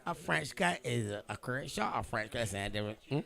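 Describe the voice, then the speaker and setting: A man's voice: mid-range voice, animated, fast, vocal fry, bright, forceful tone. A man giving casual, bantering cricket commentary, colloquial and emphatic, often repeating himself.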